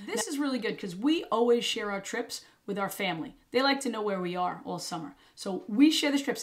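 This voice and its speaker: A woman in her thirties, an RV travel vlogger, explaining a trip-planning tool step by step in a chatty way. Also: a little high. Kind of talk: screen-share tutorial walkthrough.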